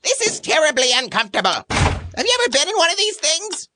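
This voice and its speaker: A woman's voice: high voice, sing-song, a little fast, bright, forceful tone, slight background noise, full character voice. A woman playing a frantic, melodramatic mad scientist in a comedy audio drama, complaining and straining as if bound in a straitjacket. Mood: strained, whining. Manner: strained, squirming complaints of someone struggling in a straitjacket.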